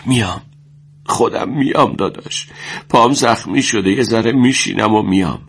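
Wounded young soldier, stubborn, breathless, higher and tighter than the narrator, voiced by a male reader. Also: gravelly, a bit bright, breathy edge, heavily acted. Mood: strained, pleading. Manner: strained, insisting despite pain.

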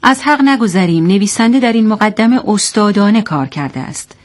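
A woman presenting scripted literary commentary in a clear, didactic manner, and narrating a story. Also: mid-range voice, animated.

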